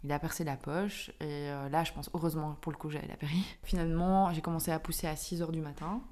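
A woman in her thirties with a Belgian French accent, telling a personal story as a podcast guest, animated and often laughing. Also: low voice, fast. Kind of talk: casual chat.

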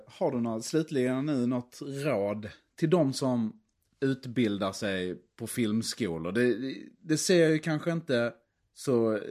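A man's voice: medium pitch, a little mellow. A male interviewer asking casual questions, hesitant and searching for his words.

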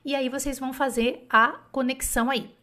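A Portuguese-speaking woman with a slightly high voice leads a relaxed French lesson, going through a dictation. She talks in a chatty, encouraging way, thinking aloud and catching her own slips as she goes. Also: normal speed. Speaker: French teacher. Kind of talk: casual online lesson, correcting a dictation.

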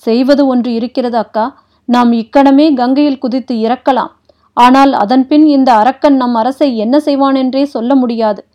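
A woman's voice: high voice, steady tone, normal speed, highs cut off, lightly acted. A woman voicing an anxious, dutiful young princess who pleads earnestly, read for an audiobook. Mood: pleading. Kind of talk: audiobook character reading.

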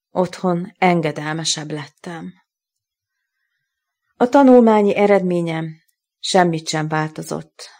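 A woman reads her own prose in a slow, measured, grave manner, her voice sitting a little low. Soft music plays faintly underneath. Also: creaky. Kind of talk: literary reading.

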